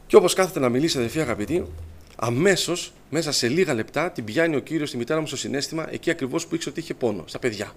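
A man telling his personal testimony to a congregation, lively and storytelling, acting out what others said. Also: mid-range voice. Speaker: church member giving testimony.

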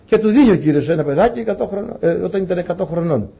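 A male preacher delivering a sermon in an emphatic, rhetorical way, firing off questions at his congregation. His voice is husky and sits fairly high for a man. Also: expressive, dark tone, lo-fi sound. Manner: emphatic and rhetorical, acting out Bible stories.

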